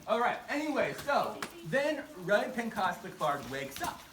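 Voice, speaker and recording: In a very animated mid-range voice, taking her time, a woman spins a playful, self-deprecating story for a live group and gets them participating. The echoey, distant recording carries a noisy crowd of listeners shouting responses.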